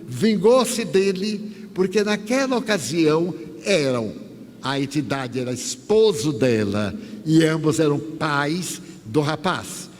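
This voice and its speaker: A man from Bahia, giving a spiritist lecture as a lively storyteller who acts out the dialogue. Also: high-pitched. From Bahia, Brazil. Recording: echoey hall with faint hiss.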